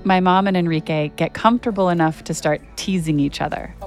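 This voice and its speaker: A woman's voice: on the low side, fairly even intonation, fairly quick, soft background music. A woman hosting a podcast, narrating a personal story in a reflective, intimate way.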